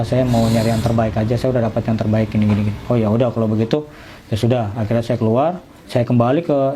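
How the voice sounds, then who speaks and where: A middle-aged man tells his personal story in a casual, chatty way, voicing the other people in it. He talks quickly in a mellow, dark tone. Faint noise sits behind him. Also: medium pitch. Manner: informal storytelling, acting out dialogue. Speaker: convert telling his story.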